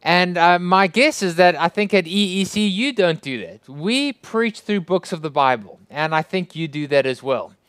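Speaking with a South African accent, a guest pastor prays and then teaches a sermon, friendly and given to joking asides, his emphasis climbing on rhetorical questions. His voice sits high and fairly bright, animated and smooth, at a moderate pace with hardly any pauses, in a dry recording.

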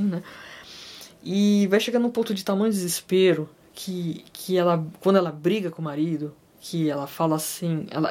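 A woman's voice: on the low side, a little mellow. A woman talking casually about a film, rambling with many fillers and joking asides to her viewers. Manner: rambling, full of fillers, self-deprecating asides. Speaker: film commentator. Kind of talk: casual film analysis vlog.

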